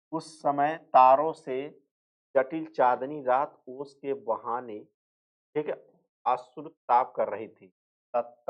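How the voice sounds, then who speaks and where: Male teacher, mid-pitched, drilling exam answers by asking and answering his own questions; thin, phone-like recording. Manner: slips into rural dialect for jokes. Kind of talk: exam revision lecture. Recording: tinny phone-like sound.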